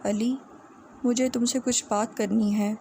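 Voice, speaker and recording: A proud, determined young woman in a romance audiobook, read by a woman, speaking firmly with halting pauses. The voice is fairly high and mellow. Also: fairly even intonation, slight background noise, close to an everyday voice. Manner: firm, hesitant pauses.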